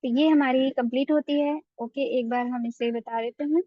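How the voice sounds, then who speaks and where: A woman with a high voice teaches a Quran recitation lesson, explaining each point patiently and stretching out the words she recites. The sound is dry and a little dull, with no room echo at all. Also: steady tone, normal speed. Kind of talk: online tajweed lesson.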